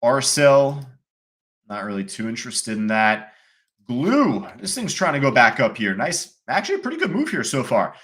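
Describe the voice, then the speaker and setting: A man's voice: mid-range voice, very animated, moderate pace, fairly bright tone. A man casually commenting on live stock charts as a trading educator, chatty and self-deprecating. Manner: chatty, self-deprecating, fillers like "you know".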